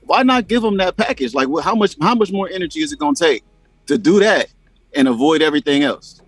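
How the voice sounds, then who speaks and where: A man co-hosts a panel discussion, talking rapidly and arguing his point. His voice sounds dry and close. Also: on the high side, lively intonation, breathy edge, no echo, low-quality recording. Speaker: podcast co-host.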